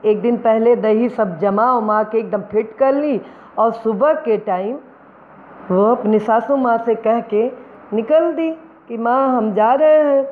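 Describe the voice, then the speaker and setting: A woman's voice: on the high side, takes it slowly. A woman narrating a devotional folk tale in a sympathetic, plain spoken storytelling manner. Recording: tinny phone-like recording.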